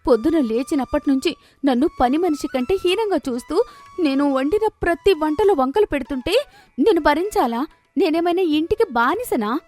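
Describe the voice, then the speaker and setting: A woman voicing a proud, sharp-tongued young wife in a cartoon, complaining shrilly and indignantly. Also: high-pitched, animated, moderate pace, soft background music, voice pushed up.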